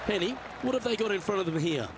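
A man playing a measured, approving TV golf commentator, giving short play-by-play remarks in a video game. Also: sits high, expressive, background noise. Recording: game music and crowd ambience behind. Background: music, crowd, outdoor course ambience.

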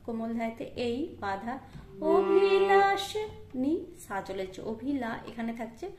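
A woman leads a harmonium lesson. She talks through each phrase calmly, then sings it and calls out the notes. The room is echoey and the harmonium plays loudly under her. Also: a little high, brisk, over loud music. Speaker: harmonium teacher. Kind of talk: music lesson, speaking and singing. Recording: roomy sound with loud harmonium.

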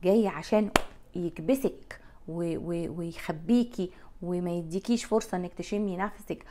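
A woman in her forties with an Egyptian Arabic accent, talking straight to camera in a frank, blunt way as a life coach, recorded on a lapel mic in a bright room. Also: on the low side, normal speed.

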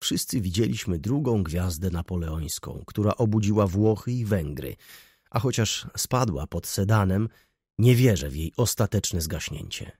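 A man narrating an audiobook with an expressive reading. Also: deep voice, moderate pace, slightly rough, no room sound, clean studio sound. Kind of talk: scripted narration.

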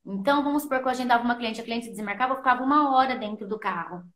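A woman talks through her story as a podcast guest, her voice sitting a little high. She is earnest and keeps replaying her own past thoughts as quotes. The recording carries a roomy echo. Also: rapid-fire, a bit bright. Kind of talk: casual interview storytelling.

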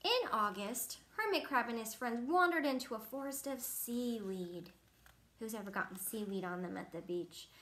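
A young woman reading a picture book aloud to a child, animated and pausing to ask questions. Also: on the high side. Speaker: reader to a child.

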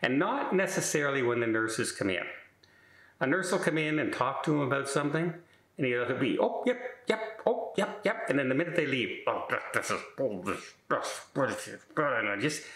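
A man's voice: mid-range voice, a bit bright, reverberant. A middle-aged man telling a casual story in a rambling way, with many fillers and restarts. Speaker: vlogger.

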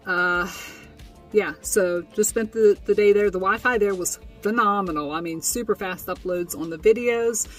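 A young woman chats through her day in a relaxed vlog recap from inside a tent, full of fillers and easy laughs. She sits a little back from the camera, with faint music playing underneath. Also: mid-range voice, normal speed, recorded from a distance. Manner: chatty, with frequent fillers and laughs. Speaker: vlogger. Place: inside a tent, small and indoors.

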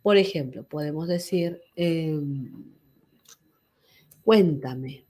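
A woman's voice: deep voice, drawn-out words, warm tone, breathy edge. A middle-aged woman teaching an online class, chatty and teasing with her students. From Peru. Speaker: language teacher.

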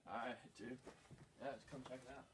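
A man's voice: mid-range voice, fairly even intonation, brisk, a bit bright, a little hiss or hum, close to an everyday voice. A young man playing a boastful, clueless slacker who rambles proudly through a tour of his cluttered basement. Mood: smug, rambling. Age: young adult. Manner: laid-back, rambling, proud, says "wicked convenient" over and over. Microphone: handheld phone camera held by the other man.

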